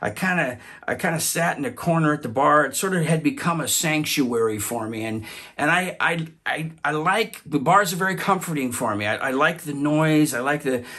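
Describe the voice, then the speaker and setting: A man telling a personal story, halting often to repeat and restart his words. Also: a little high, animated, pushed and bright.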